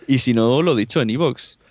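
A man's voice: medium pitch, a little mellow, dry recording, clean studio sound. A man with a Spanish accent, a guest podcaster chatting casually and laughing often as he tells anecdotes. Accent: Spanish (Spain). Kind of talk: casual chat.

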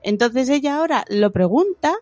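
A woman's voice: high voice, expressive, normal speed, a little mellow, no room sound, faint music behind. A woman in her thirties chatting casually about her toddler, acting out the child's sweet voice at times. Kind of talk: casual parenting chat.

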